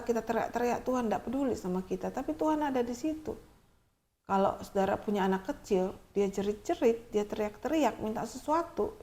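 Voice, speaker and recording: Woman preacher, animated sermon storyteller, addresses the congregation directly. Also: medium pitch. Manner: animated storytelling, often addresses listeners as brothers and sisters.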